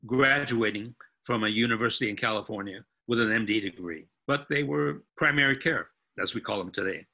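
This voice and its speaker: A man in his eighties with an American accent lectures on history while describing photographs. His voice is husky, with a bright, forceful edge. He speaks earnestly and haltingly, often restarting sentences. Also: on the low side. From United States. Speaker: guest speaker.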